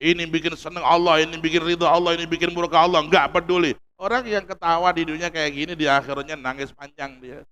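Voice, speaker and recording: A Javanese-accented man delivers an impassioned sermon in a big mosque, his voice forceful and smooth with a raised pitch. He swings from loud, stressed phrases to soft, hushed pleas. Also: steady tone, brisk, hardly any pauses, dull audio. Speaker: Islamic preacher. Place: large mosque.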